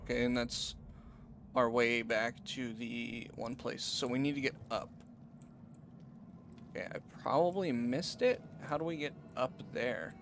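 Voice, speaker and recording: A man hosting a game playthrough, giving casual commentary in a relaxed, musing way as he thinks aloud. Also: mid-range voice, measured pace, vocal fry, background noise. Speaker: gaming host. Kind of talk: casual let's-play commentary.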